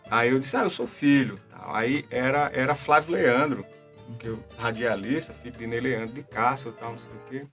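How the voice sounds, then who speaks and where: A man's voice: medium pitch, moderate pace, a bit bright, faint music behind. A middle-aged man telling a long story in casual chat, full of fillers and repeated words. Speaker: debate show guest.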